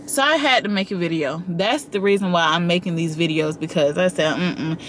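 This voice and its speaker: Animated woman commentator, casual and direct with her audience, faint background noise. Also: fairly low pitch, a little fast. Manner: animated, talks straight to viewers with slang and asides. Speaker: commentary vlogger.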